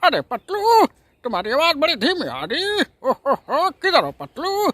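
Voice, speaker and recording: A man's voice: very high voice, huge pitch swings, unhurried, bright, forceful tone, no room sound, pitched above the performer's own voice, full character voice. A man voicing a chubby, easily scared male cartoon hero who keeps chuckling "oh ho ho" between his lines. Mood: worried calling.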